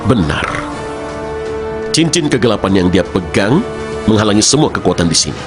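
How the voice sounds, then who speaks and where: A sly dark schemer in a dubbed superhero film. He has a low voice that swings widely as he talks down to people with smug theatricality, over clear music. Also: very animated, moderate pace. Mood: scornful planning. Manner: condescending, theatrical.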